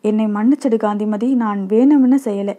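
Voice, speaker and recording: A woman's voice: mid-range voice, normal speed, mellow, lo-fi sound, close to an everyday voice. A woman voicing a teasing, mischievous young village boy in a storybook reading, in a playful, coaxing way. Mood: pleading.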